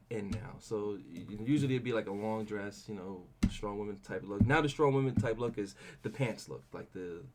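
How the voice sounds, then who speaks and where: A man co-hosting a casual podcast, his pitch swinging up and down a lot. He talks bluntly, swears freely and often trails off mid-thought. A faint hiss sits under the voice. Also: darkish tone. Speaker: podcast co-host. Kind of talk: casual debate chat.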